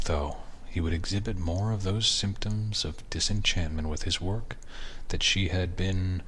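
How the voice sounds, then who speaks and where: A man with a low voice narrates horror fiction. His read-aloud delivery is formal and measured, and there is faint noise in the recording. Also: a bit bright. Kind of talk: scripted horror story narration.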